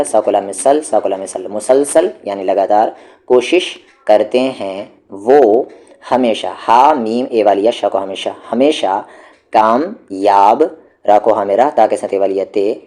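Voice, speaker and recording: A male teacher works through the alphabet with beginners in a slow, unhurried lesson. His voice sits a little low and sounds warm and mellow. He repeats each word and spells it out patiently. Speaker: Urdu teacher. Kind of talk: beginner language lesson, reading letters and words.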